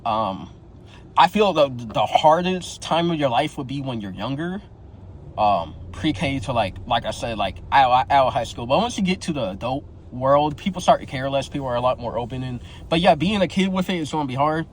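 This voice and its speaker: The poor audio, with slight background noise, catches a man in his twenties with a slight lisp talking to his viewers about his experience. His mid-range voice has lively intonation at a normal speed, and he's slangy and frank, with frequent restarts and plenty of "bro" and "yo."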